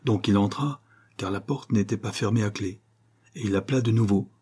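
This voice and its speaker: Man doing a dutiful ship's purser, storybook reading, low husky voice. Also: moderate pace, dark tone. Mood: reporting.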